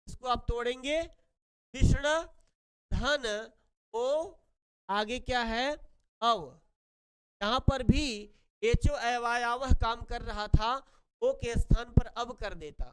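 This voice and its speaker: A man's voice: extremely high pitch, clear, resonant tone. A man teaching Sanskrit grammar in a classroom-style lesson, who asks and answers his own questions and repeats key words. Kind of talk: classroom lesson explaining rules.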